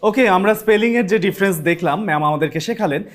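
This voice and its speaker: Speaking very fast in a high voice, the classroom program host mixes English into his Bengali. His manner is upbeat, and he addresses the students directly.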